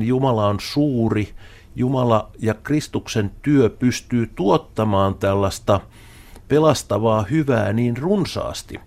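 Gravelly-voiced man explaining thoughtfully. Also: lowish voice. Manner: thoughtful, restarts and repeats words while explaining. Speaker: theology professor guest. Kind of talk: explanatory discussion.

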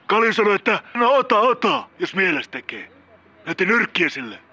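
A man voicing a volatile middle-aged drug-using killer who calls a radio show, rambling and cursing, bursting into shouts. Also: high voice, sing-song, breathy edge, pitched above the performer's own voice, heavily acted. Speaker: caller.

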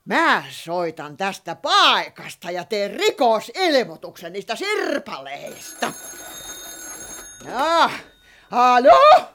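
A woman's voice: mid-range voice, big pitch swings, sharp tone, a little hiss or hum. An actress playing a chatty, lovestruck witch who fusses and coos over her cat in a radio play. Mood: fussing. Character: lovestruck chatty witch woman, fussy and fond.

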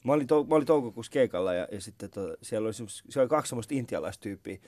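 A man's voice: mid-range voice, lively intonation, darkish tone, no room sound. Chatty, self-mocking male radio host. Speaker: radio talk show host. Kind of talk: casual morning radio chat. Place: radio studio.

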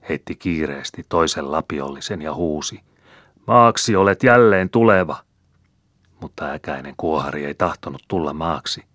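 A man reading folk tales aloud as an audiobook narrator, in a measured storytelling manner. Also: a bass voice, a bit bright, breathy edge, dry recording. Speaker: audiobook reader.

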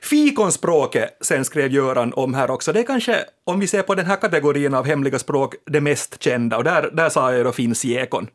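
A man's voice: mid-range voice, expressive, hardly any pauses. A man with a Finland Swedish accent co-hosting a radio chat, playful as he reads out listener messages. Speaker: radio co-host.

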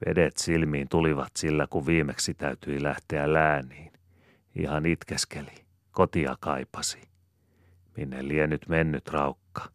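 A man's voice: extremely low pitch, steady tone, no room sound, studio quality. A man voicing a bustling, fond rural mother who rambles in homely chatter and croons lullabies to her baby.

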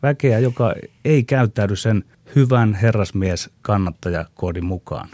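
A man's voice: fairly low pitch, dark tone, no room sound. A man hosting an interview, asking long probing questions with hesitant restarts. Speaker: host.

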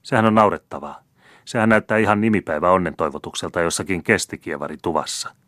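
A man's voice: low voice, fairly bright tone, no echo, clean studio sound. Man voicing a haughty young count. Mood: contemptuous. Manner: haughty, mocking. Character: arrogant, scornful young male count.

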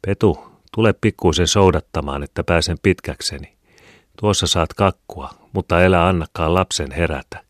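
Storybook: weary, pleading mother at the end of her strength, a deep-voiced man reading her lines; dry booth. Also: dry recording. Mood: weary worried. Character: exhausted poor mother, anxious and weary.

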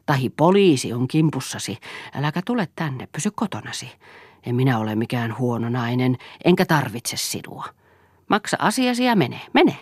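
Naisen esittämä kiivas, suorapuheinen nuori nainen. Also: female voice, a bass voice, big pitch swings, breathy edge, no echo, clean studio sound, exaggerated voice. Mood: scolding. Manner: sharp, scolding and haggling. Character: fiery, blunt young woman, a former housemaid. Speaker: audiobook reader. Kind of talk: novel reading.

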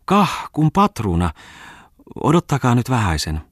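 A man's voice: deep voice, a little mellow, no echo, clean studio sound. A man reading an audiobook voices a bustling, talkative farm wife who fusses eagerly over a wealthy guest. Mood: flustered eager. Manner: eager, fussing, hospitable. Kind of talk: audiobook character voice.

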